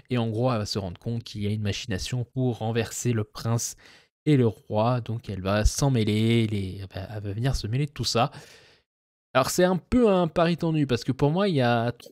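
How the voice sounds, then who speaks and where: A man's voice: medium pitch, darkish tone, dry recording. Chatty man with a dry close sound. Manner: rambling, many fillers and restarts. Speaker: booktuber; web developer. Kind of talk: casual book chat.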